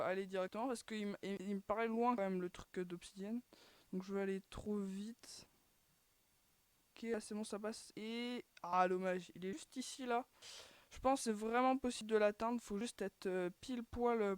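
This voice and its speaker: A woman's voice: mid-range voice, steady tone, normal speed, a little mellow, smooth, no echo. Chatty woman narrating her gameplay. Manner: chatty, filler-heavy, keeps sighing "too bad" at failed attempts. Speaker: gaming channel host. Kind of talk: casual gameplay commentary.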